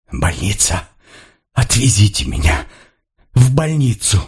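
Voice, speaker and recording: A man narrating a thriller audiobook in a steady, grave storytelling manner. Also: lowish voice.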